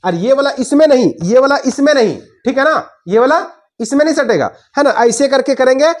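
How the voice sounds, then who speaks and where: A woman teaching how to pray. She checks in with listeners often, repeats each step and asks it back, recites the Arabic prayer words slowly and drawn out, and moves through the prayer postures as she talks. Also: high-pitched, lively intonation. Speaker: religious teacher. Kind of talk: prayer instruction with demonstration.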